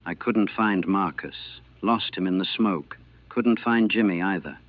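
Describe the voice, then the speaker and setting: A man's voice: deep voice, no echo. A former navy cook recounting his war memories in terse, clipped fragments, heard on an old 1940s recording. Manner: terse, clipped sentence fragments, measured and grave. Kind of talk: personal war memoir told in first person. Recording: tinny, narrow-band, dry old 1940s recording.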